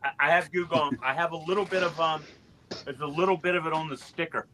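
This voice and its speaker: Casting note: slightly higher male co-host, quick agreeing interjections, noticeable background hiss. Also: fairly even intonation. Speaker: reseller show co-host. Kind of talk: casual group chat.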